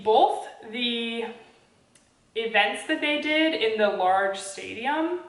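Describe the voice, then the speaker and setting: A woman's voice: mid-range voice, a bit bright, far from the mic, slight background noise. Casual female vlogger, giggly and chatty, heard from a step away in an echoey room. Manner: chatty, laughs often, says "like" a lot. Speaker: book vlogger. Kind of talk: casual vlog chat. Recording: roomy, from a little off-mic.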